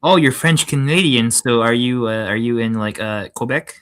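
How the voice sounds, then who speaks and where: A man's voice: medium pitch, moderate pace, a bit bright, smooth. A man in casual chat, inquisitive and often repeating himself.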